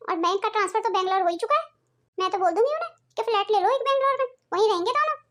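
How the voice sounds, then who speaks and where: A woman's voice: very high voice, rapid-fire, a bit bright. A woman voicing a lazy, headstrong young newlywed daughter-in-law in a cartoon, talking in a whiny, sulky way with faint music behind. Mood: grumbling.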